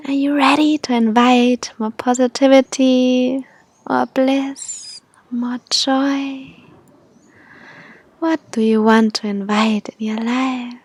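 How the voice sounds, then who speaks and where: A woman leading a guided meditation in an airy, breathy, soothing manner, like a spiritual healer. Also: high voice, little pitch movement, slow pace, no echo.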